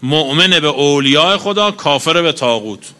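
Bright-voiced preaching cleric, man. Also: a little high, expressive. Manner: preaching, recites Arabic quotations then explains them. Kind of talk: religious sermon.

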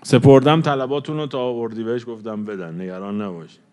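A man preaching an emotional mourning sermon, drawing out chanted verses slowly and swinging between swelling loudness and a hushed voice. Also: medium pitch, steady tone, smooth. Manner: emotional, swells louder then drops to a hush; draws out recited lines slowly.

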